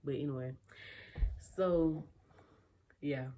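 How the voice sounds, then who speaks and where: An eighteen-year-old woman talks straight to camera in a casual storytime. Her voice sits low and mellow, and she acts out everyone else's lines. Her talk is loose and chatty, with plenty of fillers and restarts. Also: slow, a little hiss or hum. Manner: animated retelling, acting out other people's lines. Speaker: vlogger.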